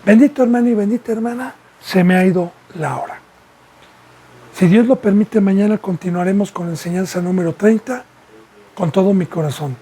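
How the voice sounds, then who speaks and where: A man's voice: high-pitched, brisk, warm tone, a little hiss or hum. A man from Mexico, preaching a sermon as a pastor and asking repeated rhetorical questions. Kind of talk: sermon teaching.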